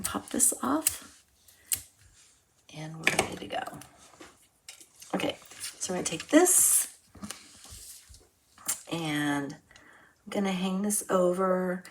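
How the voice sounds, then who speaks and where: A woman teaching a casual card-making tutorial, chatty and thinking aloud as she works, sometimes dropping to soft near-whispers while she concentrates. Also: medium pitch, a little hiss or hum. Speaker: craft instructor.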